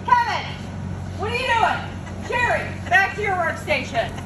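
A woman's voice: very high-pitched, very animated, normal speed. A woman talking through a megaphone, bossily ordering coworkers back to their workstations. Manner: bossy, barking orders at coworkers. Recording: echoey, noisy room.

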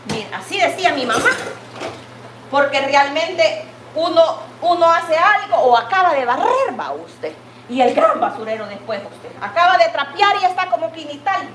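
A high-pitched woman with a Guatemalan Spanish accent talks viewers through her cooking in a home kitchen, chatty and affectionate, forever saying "look." The room is echoey, with a pan sizzling and frying noise behind her. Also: sing-song, moderate pace, fairly bright tone. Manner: homey and chatty, constantly says "mire" and calls viewers "mamayita". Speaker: cooking vlogger.

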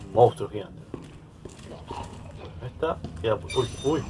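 A man's voice: lowish voice, lively intonation, measured pace, noisy background. A man with a Rioplatense Spanish accent giving casual let's-play commentary, chatty and easily startled, yelping and laughing at scares. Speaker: gaming YouTuber.

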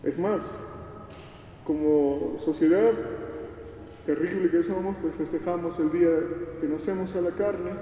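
Priest in cathedral echo, mellow voice. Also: male voice, fairly high pitch, fairly even intonation, a little hiss or hum. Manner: measured, preacherly, with rhetorical asides. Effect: heavy cathedral echo. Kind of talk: wedding mass reading and homily. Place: large church. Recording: distant mic in a long-reverb church, faint ambience.

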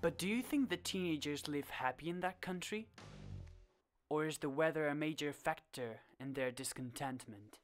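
A man's voice: on the high side, moderate pace. Teen male host from Iceland, chatty documentary narrator and interviewer, with light music behind. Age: teens.

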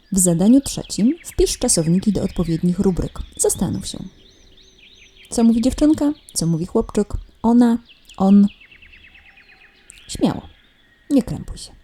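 A woman primary school teacher walking children through workbook exercises in a recorded remote lesson, patient and gently teasing. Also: lowish voice, slightly rough. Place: at home.

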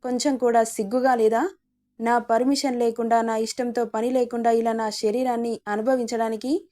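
A woman voicing a proud young heroine in an audio story, sharp and scornful. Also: a little high, flat delivery, normal speed, natural voice. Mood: angry tearful.

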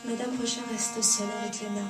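A woman author reading her novel aloud at a live café concert, hushed and intense, swelling to drama, with a bowed viola playing alongside. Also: fairly high pitch, level tone, fast talker, loud music behind the voice. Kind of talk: live literary reading with music. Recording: roomy hall, distant mic, live viola.

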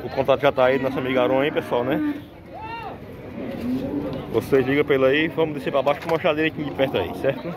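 With a phone camera in hand, a farmer from Northeast Brazil walks viewers through an outdoor cattle market, talking quickly but pausing often in a mid-range, fairly even voice. His chatty style leans on fillers like "né" and "pessoal." Behind him are a crowd and the outdoor sounds of cattle and vehicles.

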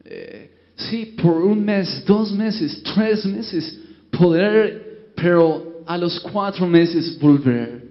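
A man voicing an American bishop who speaks slowly in broken grammar. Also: medium pitch, huge pitch swings, gravelly, pitched below the performer's own voice, exaggerated voice. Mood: plodding. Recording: dull lo-fi, long hall reverb.

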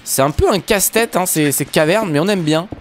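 A man's voice: high voice, expressive, brisk, slight background noise. A man giving casual, jokey commentary over Minecraft play, talking straight to his viewers. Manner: yelps when startled. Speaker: Minecraft YouTuber.

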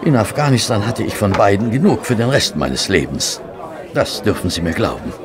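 An actor playing Dr Watson, a weary, rueful army doctor back from war, narrating and talking in a radio play. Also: male voice, lowish voice, expressive, moderate pace, close to an everyday voice. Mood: friendly. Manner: rueful, weary, warmly polite. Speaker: narrator and character. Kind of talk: German radio play acting. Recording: restaurant crowd murmur behind. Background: restaurant chatter.

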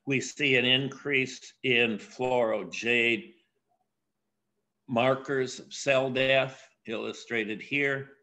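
An older man giving a keynote academic lecture, speaking in a measured way with frequent pauses and filler sounds. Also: mid-range voice, fairly even intonation, bright, forceful tone. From USA.

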